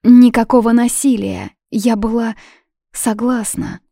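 Stubborn shy young witch, put on by a woman, flustered, defiant, raised pitch, storybook reading. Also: steady tone, a little slow, vocal fry, mellow, no room sound, clean studio sound.

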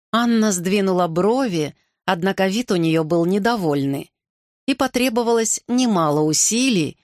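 Woman audiobook narrator, measured and even, low voice. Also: dry recording, studio quality. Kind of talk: scripted narration.

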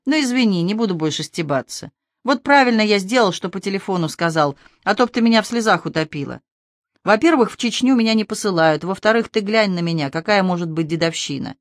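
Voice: mid-range voice, animated, fairly quick, no echo, clean studio sound, pitched above the performer's own voice, lightly acted. A reader voicing a cheeky young man who jokes with his worried mother in a teasing, breezy way.

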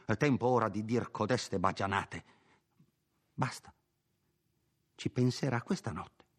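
A man voicing a sharp-tongued, bossy middle-aged housekeeper in an audiobook, scolding and insistent. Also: on the low side, unhurried, slightly rough, pitched above the performer's own voice. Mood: lecturing. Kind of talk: audiobook character voice.

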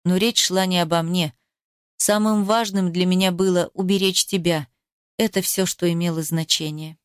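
A woman's voice: lowish voice, fairly even intonation, moderate pace, clean tone, no room sound, studio quality, lightly acted. A woman voicing a stern, intense man. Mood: tender. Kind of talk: audiobook character reading.

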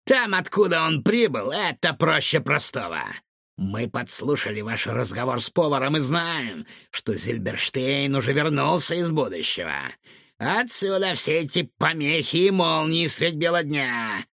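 A man's voice: a little high, sing-song, a little slow, creaky, pushed and bright, no echo, studio quality, exaggerated voice. A man voicing a menacing male mad-scientist villain who gloats and barks threats in a storybook reading. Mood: sneering.

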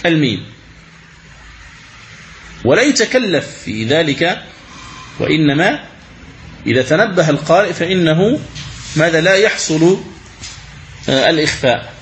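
A man with a somewhat high voice gives a religious lesson on Quran recitation. He questions his listeners and then answers himself, and he slows down to chant the example verses. A faint hum of room ambience sits under him. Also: very animated, fairly bright tone.

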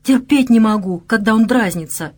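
A woman voicing a quick-tempered, capricious young bride in an audiobook, with a higher, lively delivery. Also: close to an everyday voice. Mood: angry.

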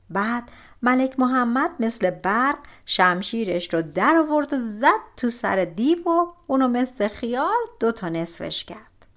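A woman narrating a folk tale audiobook with expressive, animated storytelling. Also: fairly high pitch.

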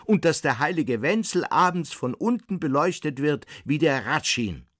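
A man voicing an eccentric grown man who butchers goats and paints, loud and grandiose, pitched higher than his usual voice. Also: very animated, measured pace, slightly rough, dry recording, clean studio sound. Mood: scolding.

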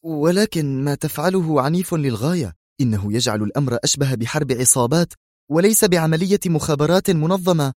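A man's voice: medium pitch, animated, fast, mellow, no echo, studio quality, pitched above the performer's own voice, close to an everyday voice. A man putting on a tense, worried agent. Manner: nervous, pleading, raised voice. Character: tense male intelligence aide, worried.

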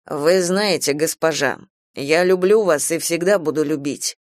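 A man's voice: a little high, unhurried, dry recording, studio quality, natural voice. A man playing a blunt, devoted farm manager. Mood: earnest pleading. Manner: earnest, steady, blunt.

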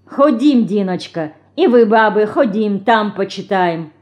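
A woman's voice: medium pitch, expressive, unhurried, darkish tone, close to an everyday voice. Woman reading gloomy older village man. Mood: gruff. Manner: gloomy, curt.

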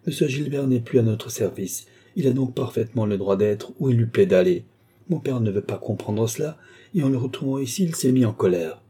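A man voicing a calm, disdainful young noblewoman in an audiobook reading. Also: medium pitch, brisk, slightly rough. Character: cold, haughty young noblewoman.

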